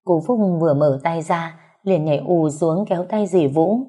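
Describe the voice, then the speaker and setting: A woman narrating a first-person story with lively, wry asides. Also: low-pitched, normal speed, breathy edge.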